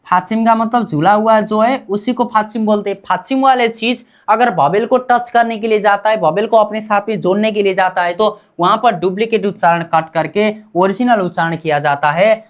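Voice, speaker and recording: A woman's voice: mid-range voice, normal speed, few pauses. A woman teaching a language class, repeating sounds and asking and answering her own questions. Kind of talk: classroom-style language lesson.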